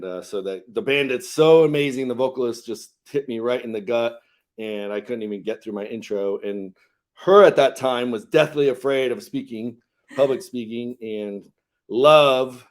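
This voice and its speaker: A man's voice: mid-range voice, darkish tone. This is a man in his fifties who co-hosts a live health show as a coach. He talks earnestly, stopping often on "and, uh" before going on. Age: 50s. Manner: earnest, pausing often with "and, uh" fillers. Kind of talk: live show talk and storytelling.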